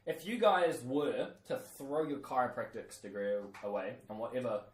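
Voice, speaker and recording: A New Zealand man runs a casual podcast, leading each segment with loose, self-mocking jokes. His voice sits at an everyday pitch. He sounds a bit off-mic in a roomy, echoey space. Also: moderate pace, recorded from a distance. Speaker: podcast host.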